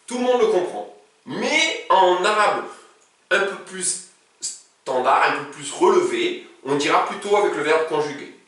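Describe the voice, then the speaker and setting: Man, teacher, casual lesson, chatty, lively up-and-down delivery, heavy room echo. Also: high-pitched, unhurried, distant mic. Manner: casual and chatty, with conjugations recited in a row. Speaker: Arabic teacher. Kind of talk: informal language lesson. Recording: very echoey room, speaking from away from the mic.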